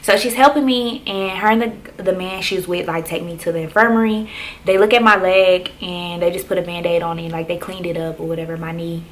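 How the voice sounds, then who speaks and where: A woman's voice: on the low side, steady tone, a little fast, slight background noise. A young woman vlogger, telling a personal story in casual chat, full of fillers. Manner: conversational, many fillers like "like" and "um".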